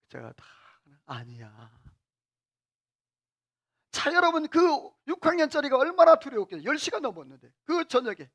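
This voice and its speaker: A man's voice: very high voice, sing-song, fast, few pauses, fairly bright tone. A middle-aged male pastor preaching a sermon in a church, asking the congregation questions and having them repeat phrases after him. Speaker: senior pastor. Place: church sanctuary.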